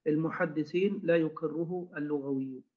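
A man commenting in a scholarly lesson, explaining points of language with measured questions. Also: a little high, fairly even intonation. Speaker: teacher commenting on the reading. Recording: dull lo-fi recording.

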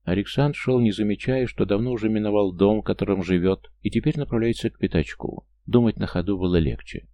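A man reading an audiobook as narrator in a steady, measured storytelling voice. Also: fairly low pitch, no echo. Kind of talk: scripted narration.

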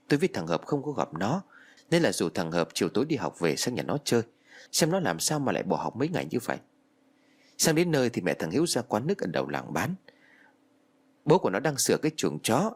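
A man narrating a first-person ghost story in a lively, dramatic storytelling manner. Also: lowish voice, breathy edge.

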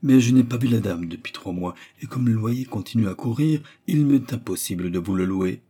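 A man's voice: lowish voice, normal speed, warm tone, husky. A man voicing a talkative, respectable middle-aged landlady in an audiobook, eager and fussy about her rent. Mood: chatty. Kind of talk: audiobook character voice.

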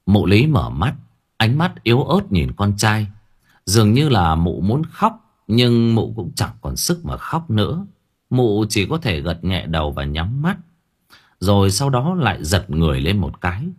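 A man narrating a serialized novel for an audiobook in an expressive storytelling manner. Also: lowish voice, unhurried, husky.

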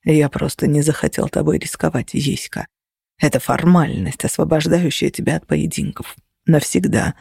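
A woman voicing a weary, protective young man who talks low and soft in an audiobook. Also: normal speed, creaky, husky, dry recording, clean studio sound, full character voice. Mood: patient. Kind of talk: audiobook character voice.

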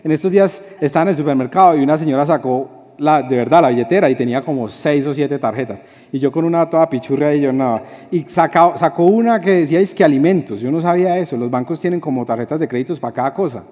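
A young man preaching a lively, joking sermon to a youth group, acting out little dialogues. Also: fairly high pitch, fast talker, hardly any pauses. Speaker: youth pastor. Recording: long hall reverb.

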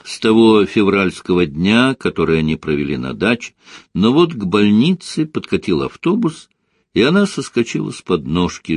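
A man narrates a story in a low, husky voice, with a lively, expressive rise and fall. The sound is dry and close, with no room around it. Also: no echo. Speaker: audiobook reader. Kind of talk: scripted narration.

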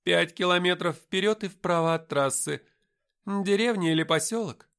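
A man's voice: high-pitched, moderate pace, vocal fry, fairly bright tone, smooth, voice pushed up. A man reading an audiobook voices a haughty, world-weary female angel who speaks in a commanding, solemn way. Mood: entranced.

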